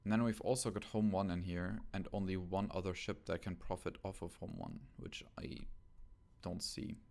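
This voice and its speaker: A man co-hosting a casual podcast about a tabletop game, thinking aloud and hesitating with many ums, on rough home audio. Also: sits low, flat delivery, moderate pace, darkish tone. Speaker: podcast co-host.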